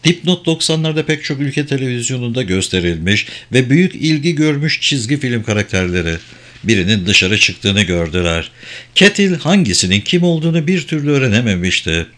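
A man reading a crime novel aloud as a steady, even audiobook narrator. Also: medium pitch, fairly quick. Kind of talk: scripted narration.

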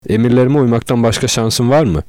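A man's voice: mid-range voice, quick pace, a little mellow, no room sound, studio quality, voice pushed up, lightly acted. A man voicing a cruel, unstable male killer who growls his words with contempt. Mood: menacing.

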